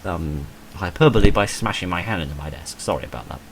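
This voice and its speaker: Reading a visual novel aloud as he plays, a man with a very low, creaky voice talks fast and animatedly, his pitch swinging widely. Dry, self-deprecating asides interrupt the game text, and faint noise sits behind him.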